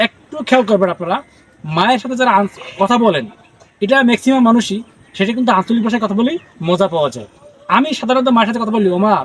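A man's voice: high-pitched, slight background noise, rough recording. A man from the Barishal region of Bangladesh, a poet and author answering interview questions earnestly and growing emphatic.

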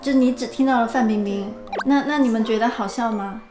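Young woman, host, casual interview questions, higher-pitched voice, echoey living room, background music. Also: measured pace. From China. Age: young adult. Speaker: host asking for reactions. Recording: roomy sound with music behind.

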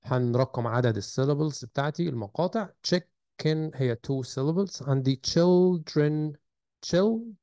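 A man's voice: a little high, unhurried, few pauses, dark tone, no echo. A man with an Egyptian Arabic accent, teaching a recorded textbook lesson and spelling out sounds and words carefully. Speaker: English teacher.

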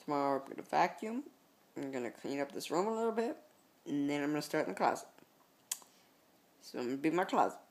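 A man's voice: a little high, animated, fast talker, long pauses. A man vlogging late at night from his bedroom, talking casually into his camera mic in a sleepy, meandering way full of fillers and self-corrections. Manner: drowsy, easygoing talk. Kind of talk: rambling late-night vlog chat. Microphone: computer or camera mic.

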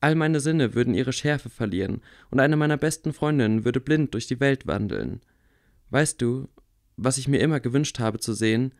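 Man voicing a blind boy wizard, calm, low-key, wry, lively intonation. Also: moderate pace, creaky. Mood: earnest. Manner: quiet, level.

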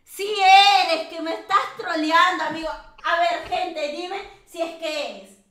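A woman's voice: extremely high pitch, takes it slowly, sharp tone, echoey room, slight background noise. A Peruvian woman streaming a game, chatting and teasing with lots of fillers and laughter. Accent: Peruvian Spanish. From Peru. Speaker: streamer host. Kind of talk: casual chat while gaming.

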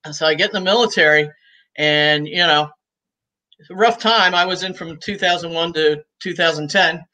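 A woman in her sixties who owns a cigar shop joins a casual interview as a guest over video call from a room at home. Her voice is on the low side with a sharp tone, and she's talkative, easygoing and laughs often.

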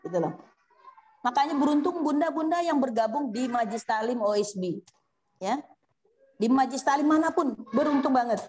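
A woman's voice: sits high, lively intonation, moderate pace, long pauses, a little mellow, a little hiss or hum. Woman leading an Islamic study circle. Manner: addresses listeners as Bunda, asks questions; acts out heartfelt prayers. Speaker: religious study teacher. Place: women's study gathering.

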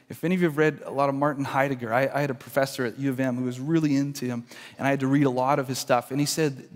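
A man preaching a sermon in a church, in an earnest conversational way, often restarting his sentences. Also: medium pitch. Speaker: pastor. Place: church sanctuary. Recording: long church hall reverb.

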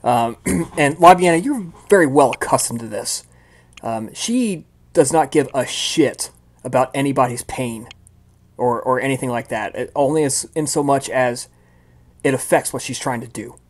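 A man's voice: mid-range voice, moderate pace. A man narrating a tabletop game as game master in a casual, rambling way, full of fillers.

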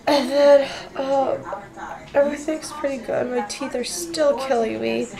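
A young woman talking casually in a home vlog, tired and sore after nose surgery, rambling in a low-key way. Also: steady tone, a little slow, gravelly, warm tone, poor audio. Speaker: vlogger recovering from nose surgery. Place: at home indoors.

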